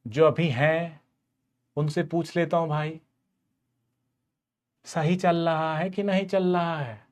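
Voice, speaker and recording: Brief: a man as a chemistry tutor in a casual live class, slightly high voice, chatty and teasing, all buddy-talk and everyday stories. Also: steady tone, slow pace. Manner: chatty and teasing, addresses students as buddies. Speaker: chemistry teacher.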